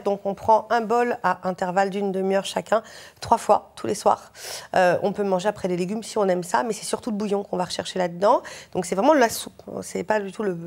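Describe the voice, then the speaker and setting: A woman's voice: mid-range voice, vocal fry, a little mellow. A woman presenting a diet column on a talk show, explaining a recipe with many hesitations. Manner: chatty, hesitant with fillers, reassuring. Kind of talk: studio talk show chat.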